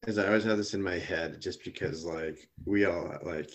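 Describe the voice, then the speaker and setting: Very low-pitched man, casual podcast co-host; halting, filler-heavy delivery. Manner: halting, thinks aloud with many fillers. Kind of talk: casual chat.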